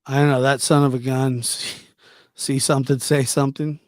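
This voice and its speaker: Reading viewer comments aloud and responding, this livestream host keeps things casual and teasing, frequently repeating himself. He speaks at normal speed with a medium pitch and flat delivery, captured in a dry, studio-quality recording.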